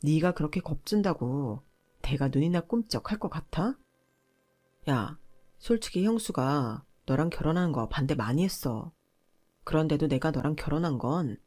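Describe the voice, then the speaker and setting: A woman's voice: sits low, a little mellow. A woman voicing an arrogant young husband who lectures his wife with contempt.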